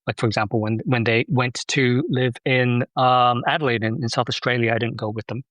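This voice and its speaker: A man's voice: mid-range voice, steady tone, brisk, a bit bright, no echo, lo-fi sound. Reflective man from Malaysia, dry sound. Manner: reflective, with frequent restarts. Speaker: podcast guest. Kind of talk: casual interview talk.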